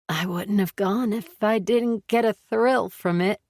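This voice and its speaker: A woman's voice: medium pitch, measured pace, a little mellow, no echo, studio quality, voice pushed up, natural voice. A woman narrator voicing a guarded, secretive young woman who gives short, evasive answers in an audiobook. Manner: terse, evasive replies.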